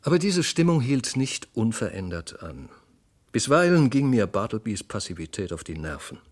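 Expressive male audiobook narrator. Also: on the low side, normal speed. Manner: dramatic, expressive reading. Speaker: audiobook reader. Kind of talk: scripted literary narration.

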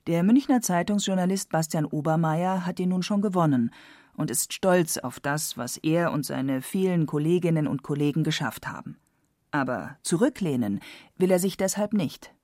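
A man reads a radio documentary script in a calm, even manner. His voice is recorded close and dry, with no room sound. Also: a little high, normal speed, no echo. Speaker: documentary narrator. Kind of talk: scripted narration.

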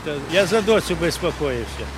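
An older man, a local resident, recalls events outdoors in a halting, repetitive way. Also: fairly high pitch, sing-song, crowd noise. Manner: halting, repeats himself. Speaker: resident interviewee. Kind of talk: outdoor interview recollection. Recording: loud street and traffic noise.

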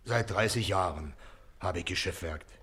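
An actor playing a timid river boatman who gives nervous, evasive answers in a husky, mumbling voice in a radio play. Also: deep voice, moderate pace, bright, forceful tone, exaggerated voice. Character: timid, jumpy river boatman, middle-aged man.

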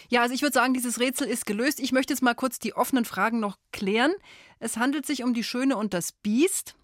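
A woman's voice: on the high side, no room sound, clean studio sound. A woman hosting a children's call-in quiz on the radio, friendly and encouraging with young callers. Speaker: radio show host.

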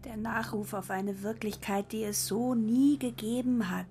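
A woman voices a cool, detached character in a radio drama who speaks in an even, distant way. Her voice sits somewhat high. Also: unhurried, faint music behind. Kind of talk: radio play dialogue.

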